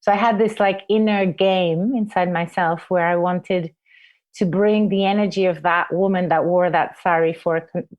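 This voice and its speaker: A woman's voice: fairly low pitch, steady tone, normal speed, muffled recording. A woman in her forties from Portugal, telling her life story reflectively in an interview. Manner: reflective, soft-spoken, restarts with fillers. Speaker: guest, forest therapy guide trainer.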